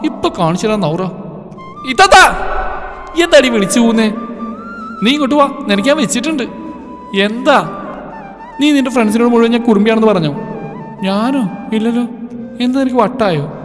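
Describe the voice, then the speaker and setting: A man's voice: extremely high pitch, pitched above the performer's own voice. A man doing a cheeky teen girl. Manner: teasing and quick. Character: cheeky teenage girl, playful little sister. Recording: reverberant with music underneath.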